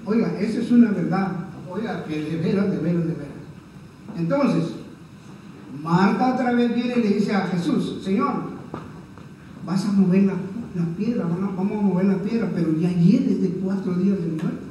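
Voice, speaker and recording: A man's voice: high-pitched, normal speed, warm tone, distant mic, a little hiss or hum. A male pastor preaching a sermon, earnest and conversational, often checking in with his congregation. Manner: earnest, repeats "¿verdad?" to the congregation. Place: church hall. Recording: echoey church room heard from afar.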